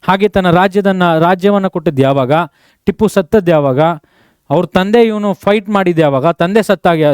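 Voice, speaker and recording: Man teacher, high clear voice, quizzing. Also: darkish tone, no room sound, studio quality. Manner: quizzes students with quick questions; mixes English terms into speech. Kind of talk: exam revision lesson.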